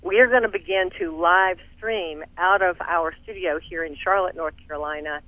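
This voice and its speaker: A middle-aged woman speaks with a Southern US drawl, lively and enthusiastic about her subject. She laughs easily and the sound is close and dry, with no room around it. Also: on the low side, moderate pace, dry recording, poor audio. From American South. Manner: energetic, animated, laughs often. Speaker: fitness studio owner, interview guest. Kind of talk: enthusiastic interview talk.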